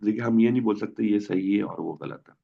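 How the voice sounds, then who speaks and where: Speaking briskly in a lowish voice with vocal fry, a German teacher runs an online language class, patiently quizzing students and repeating words. The video call audio is dull and lo-fi.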